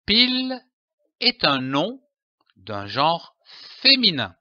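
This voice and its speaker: Very slow, bright male teacher voice. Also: a little high, big pitch swings, dry recording. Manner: spells out letters and syllables one by one. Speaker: French pronunciation teacher. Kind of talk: slow, deliberate pronunciation lesson. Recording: dry, dull lo-fi voice-over.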